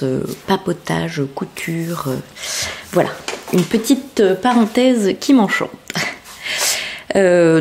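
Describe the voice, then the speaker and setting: A woman's voice: on the low side, gravelly, a little mellow, a little hiss or hum. A woman hosting a casual knitting and sewing podcast, talking chattily with frequent hesitations while showing her work. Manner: chatty, many hesitations and fillers, showing items to camera. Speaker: podcast host.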